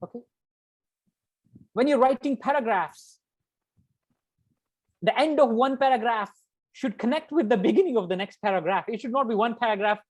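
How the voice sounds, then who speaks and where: With an extremely high voice, a moderate pace and long pauses, this man leads an interactive academic writing workshop. He stresses his points emphatically, repeats key words, and adds conversational asides.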